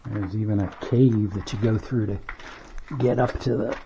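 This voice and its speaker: A man's voice: fairly low pitch, steady tone, moderate pace, noisy background. A man casually narrating his hiking vlog outdoors, thinking aloud and rambling with lots of fillers. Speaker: hiking vlogger. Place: outdoors on trails and at a campground. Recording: dull lo-fi camera audio.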